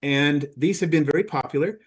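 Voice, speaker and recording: Measured male conference presenter. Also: fairly high pitch, slightly rough. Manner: measured, explanatory, with frequent "uh" fillers. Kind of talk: presentation to teachers.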